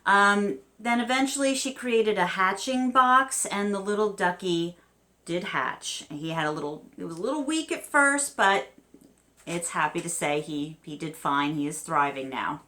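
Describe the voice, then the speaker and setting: A woman in her fifties with a New Jersey accent hosts a homemade vidcast, reading strange news with chatty, wry side remarks. Her pitch swings up and down with lively animation. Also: a little slow. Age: 50s. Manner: chatty, adds wry asides and laughs. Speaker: host.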